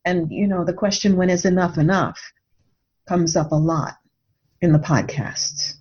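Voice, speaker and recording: This podcast guest is a middle-aged life coach with a fairly low, darkish voice, even intonation and a measured pace. Speaking reflectively in an interview, she tells earnest, thoughtful stories from experience, captured on dull lo-fi audio.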